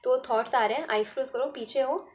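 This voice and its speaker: A woman's voice: high voice, fairly quick. A woman giving casual spiritual self-help advice, chatty and often checking in with "ठीक है?". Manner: chatty, keeps adding "ठीक है?". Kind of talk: casual advice talk to camera.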